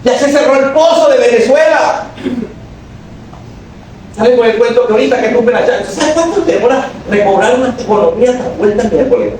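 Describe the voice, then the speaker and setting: A male pastor preaching a sermon to a congregation, calling for responses and rising to shouted exhortations. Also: very high voice, expressive, fairly quick, a little hiss or hum. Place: church hall. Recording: very echoey hall, voice from far off.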